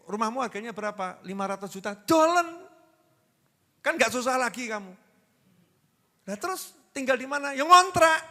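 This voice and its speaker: A man with a Javanese accent preaching a lively sermon to a gathering, joking and putting questions to the audience. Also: very high-pitched. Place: large religious gathering hall. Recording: long reverb of a large hall.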